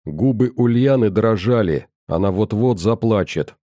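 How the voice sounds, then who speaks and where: A man calmly narrating a novel in the first person in a measured tone. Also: on the low side, no echo, studio quality. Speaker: audiobook narrator.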